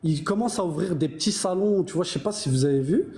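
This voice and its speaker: A man's voice: high-pitched, fast, warm tone. A man debating casually on a live stream, speaking in French suburban street slang over a noisy call. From Morocco.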